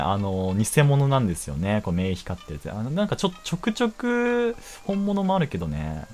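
Excitable young man commenting on a game. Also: medium pitch. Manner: excitable, jokey, quick exclamations and laughter.

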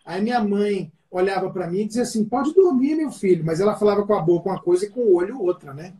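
A man with a Brazilian Portuguese accent, a pastor giving family advice in a relaxed talk, telling stories and acting out the dialogue in them. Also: high voice, fast. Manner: storytelling, acts out quoted dialogue. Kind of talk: family counseling talk with anecdotes.

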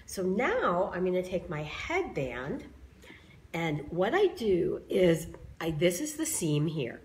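A slightly hoarse woman demonstrating bow making in a live craft tutorial, chatting with viewers as she explains each step. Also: fairly low pitch, very animated, takes it slowly, darkish tone. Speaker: craft tool creator demonstrating bows.

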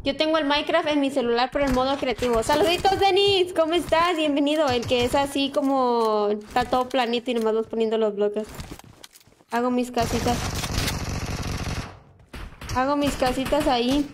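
A chatty Mexican woman with a high voice streams a game and calls out hellos to her viewers one after another. Her talk is casual and quick to react, over a faint hiss in the background. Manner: chatty, warmly greets viewers by name. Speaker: gaming livestreamer. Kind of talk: casual livestream chat while playing.

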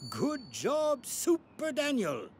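A man's voice: very high voice, huge pitch swings, slow, noisy background, exaggerated voice. A man voicing a playful, kindly old grandfather tiger in a children's cartoon, exclaiming and encouraging. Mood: warm, amused. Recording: music under the voice.

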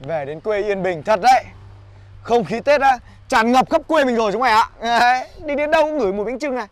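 A man's voice: extremely high pitch, lively intonation, brisk, slight background noise. A man playing a cheeky young shop worker, teasing and laughing. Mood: cheerful. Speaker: shop employee. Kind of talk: comedy sketch acting.

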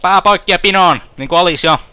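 A man's voice: sits high, sharp tone, clean tone. A man commenting on his own gameplay in a let's play, swearing and joking, often parroting the game's lines. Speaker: gaming streamer.

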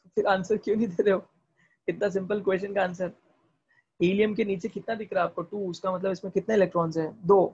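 A man teaching chemistry in an online class, talking fast, quizzing students with repeated questions and mixing English terms into Hindi. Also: sits high, fairly even intonation, darkish tone, breathy edge, muffled recording. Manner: talks fast. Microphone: video call.

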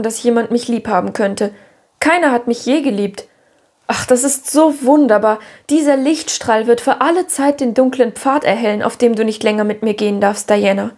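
A dreamy, dramatic orphan girl, put on by a woman reading aloud pours out grand, theatrical phrases in a higher voice. She sounds like a storybook heroine with a big imagination. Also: a little mellow, natural voice.

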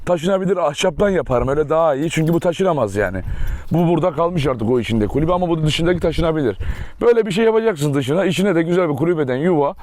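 Young guy rattling through a dog farm tour vlog outside, kinda high voice, baby-talks the dogs. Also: lively intonation, a little mellow, no echo. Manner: fast, affectionate baby talk to his dogs. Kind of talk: casual vlog walkthrough.

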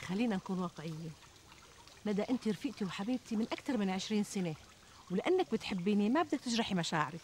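Actress as a very fast-talking, fretful Syrian housewife. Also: female voice, medium pitch, lightly acted. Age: middle-aged. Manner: plaintive, expressive complaining. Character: plump, fretful, self-deprecating housewife and mother. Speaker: actress in a TV comedy drama. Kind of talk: conversational TV comedy sketch acting. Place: outdoors in a garden. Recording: outdoor ambience, trickling water noise.

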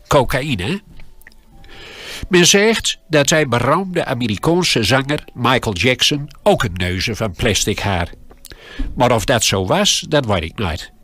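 A man's voice: mid-range voice, no echo. Man telling a Groningen dialect story. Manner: dry, deadpan humor. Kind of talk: humorous dialect story on radio.

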